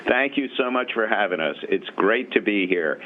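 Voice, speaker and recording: A man interviewing an astronaut over a space-to-ground radio link, asking measured, clearly framed questions. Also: fairly low pitch, expressive. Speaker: magazine interviewer. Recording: thin phone-like radio line.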